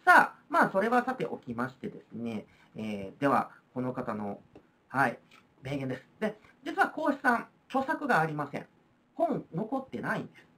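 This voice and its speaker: A woman's voice: low-pitched, huge pitch swings, moderate pace, bright, forceful tone. A woman with a Kansai accent teaching a history lesson on video, explaining in a chatty way with frequent fillers. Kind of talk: recorded video lecture.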